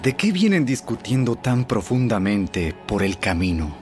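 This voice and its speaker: An actor playing a probing, gently reproving male teacher in a dramatized Bible, with deliberate, expressive delivery. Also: fairly low pitch. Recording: faint music under the voice.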